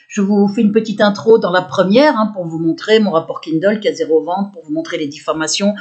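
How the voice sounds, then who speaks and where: Woman ranting to her camera, rambly and aggrieved, keeps restarting, mid pitch. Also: a little mellow. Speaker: poet addressing her channel subscribers. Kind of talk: unscripted monologue to camera. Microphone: camera built-in mic.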